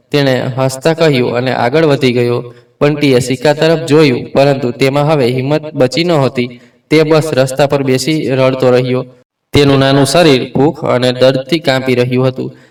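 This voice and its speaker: A man narrating an emotional story in an earnest, measured way, reading the quoted lines plainly. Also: medium pitch, darkish tone, recorded from a distance.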